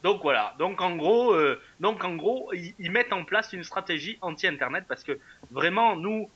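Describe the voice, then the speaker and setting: A man's voice: high voice, lively intonation, normal speed, breathy edge, muffled recording. A man co-hosting a wrestling show in casual podcast chat, hesitant, with many fillers and restarts.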